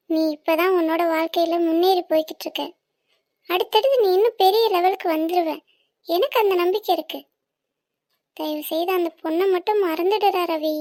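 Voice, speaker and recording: A woman voicing a very high, fretful cartoon mother. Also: darkish tone, no room sound, clean studio sound. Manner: pleading, scolding. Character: doting, worried middle-aged mother. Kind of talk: cartoon voice acting.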